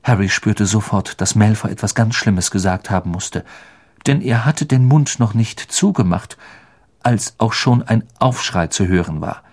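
A man narrating an audiobook in a lively, expressive storytelling manner. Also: on the low side, measured pace. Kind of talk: scripted narration.

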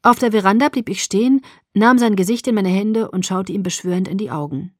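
A woman reads a first-person audiobook in a measured, expressive way. Her voice sits at a middle pitch and is recorded dry and close, with no room sound at all. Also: no echo. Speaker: audiobook narrator.

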